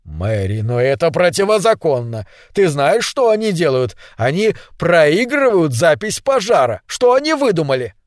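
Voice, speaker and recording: A man's voice: medium pitch, expressive, normal speed, dry recording, studio quality, natural voice. A man voicing an irritable, startled husband who exclaims indignantly.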